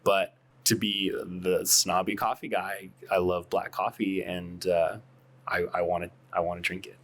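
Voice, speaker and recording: A man's voice: low-pitched, flat delivery, unhurried, a bit bright, a little hiss or hum. A man, a coffee shop co-owner, talking casually as a podcast guest and working through his reasoning with fillers.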